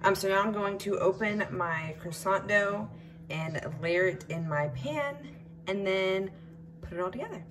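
Unhurried woman vlogging. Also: mid-range voice, over music. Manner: relaxed, unhurried, frequent ums and y'all. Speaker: home cook vlogger. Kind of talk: casual cook-along narration. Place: home kitchen, indoors.

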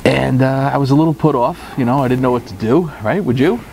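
Here the middle-aged co-host talks quickly at medium pitch, his voice gravelly, as he tells an animated, rambling dating story packed with fillers and false starts. The poor audio has slight background noise; he uses a lapel mic and headphones in an indoor studio with guitars on the wall.

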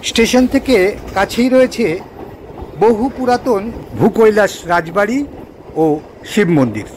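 A man's voice: high-pitched, sing-song, a little slow, darkish tone, a little hiss or hum. A man narrating a local train journey as a travel vlogger, pointing out sights along the route. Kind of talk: calm guided narration over train footage.

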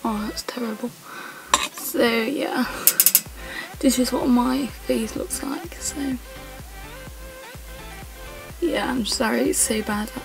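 A woman's voice: a little high, slow pace, gravelly, pauses often, over music, low-quality recording. A young woman chatting to camera at home, rambling and giggly, correcting herself often and filling with "yeah" and "like". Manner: rambling, giggly, self-correcting with many fillers. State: voice sounds odd, she says. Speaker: vlogger. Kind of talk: casual chat to camera. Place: home, indoors.

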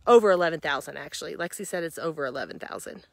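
A middle-aged woman streaming live from a mountain hike on her phone, tired from the climb, greeting viewers by name with excited chatter and frequent laughter. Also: deep voice, racing, gravelly, no echo. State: tired from hiking. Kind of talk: casual live-stream chat. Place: outdoors on a mountainside. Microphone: phone held at arm's length.

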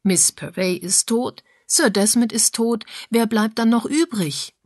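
A woman's voice: fairly high pitch, a little slow, a little mellow, no room sound, clean studio sound, pitched above the performer's own voice. A woman reading an agitated lady sleuth. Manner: agitated, pressing.

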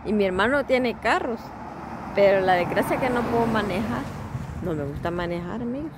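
A chatty middle-aged woman talks to her followers, recording on a handheld phone while she waits outdoors. Her voice sits at an everyday pitch for a woman, and she rambles in a friendly way. There is faint noise in the background. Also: expressive, a little fast. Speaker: vlogger. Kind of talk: casual chat to followers. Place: outdoors at a bus stop. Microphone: phone held in hand.

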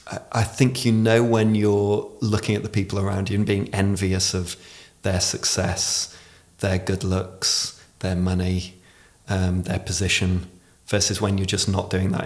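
A man in his forties who pronounces r as w, explaining reflectively in conversation as a podcast guest. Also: deep voice. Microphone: podcast microphone on desk stand.

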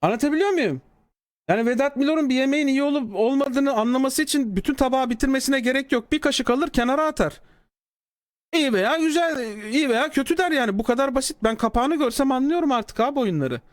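A man on a live stream mocks a developer's comment he's just read aloud, answering with sarcasm at a quick pace. The casual talk is recorded dry, and his voice jumps between low mutters and high exclamations.

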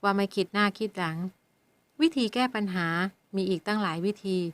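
A woman reading a calm, composed middle-aged man who looks after a young woman, in a measured, gentle way. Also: medium pitch, clean tone, close to an everyday voice. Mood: earnest. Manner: measured, gentle, even-tempered.

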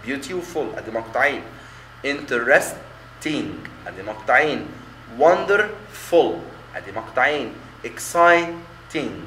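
A man's voice: mid-range voice, fairly bright tone. Egyptian man teaching in an echoey room. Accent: Egyptian Arabic. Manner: repeats example words and checks in with "okay?". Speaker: English teacher. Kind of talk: explanatory lesson. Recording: echoey room, faint background noise.

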